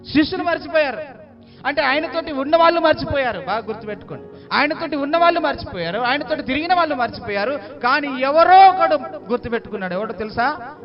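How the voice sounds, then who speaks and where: A man's voice: very high voice, animated, fast. A male pastor preaching an Easter sermon, retelling scripture with acted dialogue and repeating phrases for emphasis. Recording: dull lo-fi sound with music behind. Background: music.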